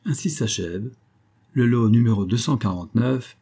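A man narrating a translated classic short story in a steady, measured way. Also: medium pitch, breathy edge. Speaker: audiobook narrator. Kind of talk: scripted narration.

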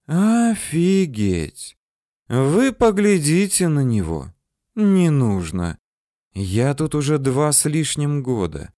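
A man voicing a brash, quick-tempered woman banker who talks back indignantly. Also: a little high, sing-song, warm tone, no echo, clean studio sound, voice pushed up. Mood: fed up.

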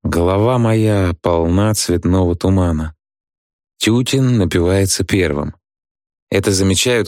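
A man narrating a story calmly in the first person, as an audiobook reader. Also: low-pitched, no room sound, studio quality. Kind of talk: scripted narration.

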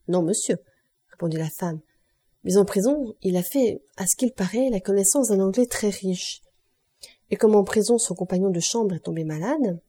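A woman reading a classic novel aloud as an audiobook, giving the figures' lines with small changes in loudness. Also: medium pitch, husky. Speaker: audiobook reader. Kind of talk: scripted narration.

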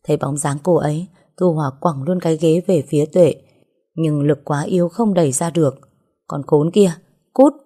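A woman narrating a story in a steady, even way. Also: low-pitched, brisk.

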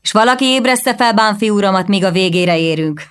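A woman voicing a brash young male prince in an audiobook, calling out loud proclamations. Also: medium pitch, lively intonation, pitched above the performer's own voice, lightly acted. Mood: commanding. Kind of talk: audiobook reading.

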